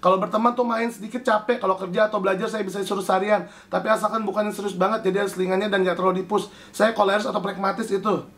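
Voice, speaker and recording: A young man hosting a casual chat, answering viewer questions with animated swings in pitch. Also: racing, few pauses. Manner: animated, jumps pitch to read questions aloud.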